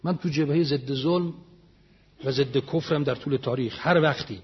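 Guy giving a sermon, husky kinda higher voice, dull lo-fi sound. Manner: emphatic, repeats phrases, recites Arabic prayers slowly then explains. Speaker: preacher. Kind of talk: religious sermon.

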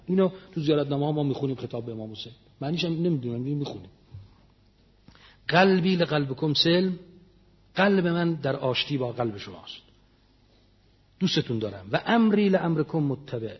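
A man preaching a religious sermon, emphatic, repeating phrases and reciting prayers slowly before explaining them. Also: on the high side, animated, husky, dull audio.

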